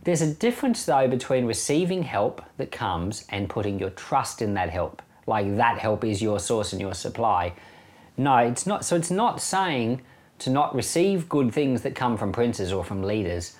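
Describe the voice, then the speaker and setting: With big pitch swings around a medium register and a slightly mellow tone, a middle-aged Australian pastor talks at a moderate pace on his Bible podcast. His commentary is informal, plain-spoken and conversational, with the odd chuckle.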